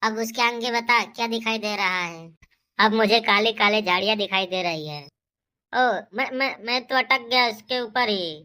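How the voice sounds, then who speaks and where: A woman's voice: a little high, unhurried, pushed and bright. A woman voicing cheeky, bickering village boys in a comic cartoon.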